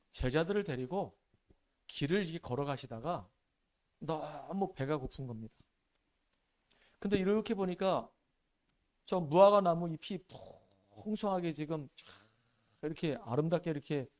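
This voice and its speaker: A man preaching a sermon in church, telling the story in an animated, emphatic way and dropping his voice low for solemn points. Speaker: pastor.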